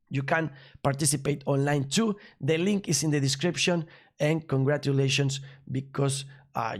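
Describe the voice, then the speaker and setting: A man from Spain with a Spanish accent, a native Spanish speaker hosting a news commentary show in an upbeat, emphatic, slightly halting way. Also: on the high side. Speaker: crypto news channel host.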